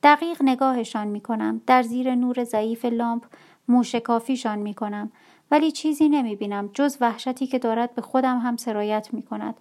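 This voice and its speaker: A woman reading a dark first-person story aloud in a measured, quiet, somber way. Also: on the high side. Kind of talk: audiobook story narration.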